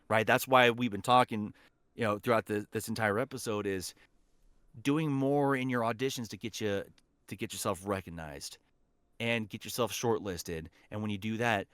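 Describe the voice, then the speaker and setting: A man with a lowish, fairly bright voice talks at a normal speed in a dry recording. He's a voice actor and teacher appearing as a podcast guest, offering encouraging, emphatic advice conversationally and repeating key phrases for emphasis.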